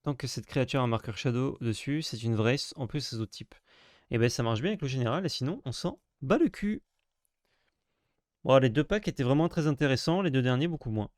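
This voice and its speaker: A man's voice: brisk, dry recording, studio quality. Sarcastic man joking through a card unboxing. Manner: sarcastic, self-mocking banter with crude jokes; breaks into sudden high excited yelps. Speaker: streamer opening card packs. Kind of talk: casual unboxing commentary.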